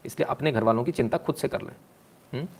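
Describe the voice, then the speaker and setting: A man's voice: medium pitch, quick pace, darkish tone, a little hiss or hum. A man, giving sarcastic live news commentary, mocking and scolding the people in the clips and answering viewer comments.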